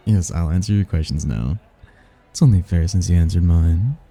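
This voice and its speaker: A male actor plays a suave demon seducer in an ASMR roleplay, a one-sided romantic conversation with music behind the voice. His very low voice is husky and gravelly yet mellow, at a moderate pace, smooth-talking, courtly and flirtatious. He sounds prideful, intrigued and flirtatious.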